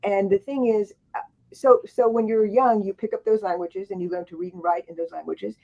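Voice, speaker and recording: A woman with a mid-range, steady voice talks a little fast as an author on a book panel, spinning rambling stories full of restarts and asides. She grew up in Thailand and Japan, and this is casual panel storytelling. The recording has a dull, lo-fi sound.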